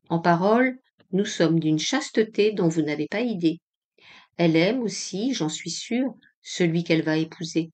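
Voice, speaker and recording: A woman reading an old diary aloud as an audiobook, in an earnest, measured way with emphatic rises. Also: lowish voice, a little mellow. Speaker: audiobook reader.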